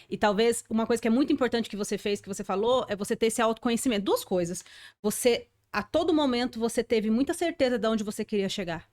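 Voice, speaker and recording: A woman hosts a podcast conversation and asks long, thoughtful questions. She often restarts mid-phrase as she works through her ideas. Her voice sits a little high. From interior of São Paulo state. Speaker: podcast host. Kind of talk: conversational interview.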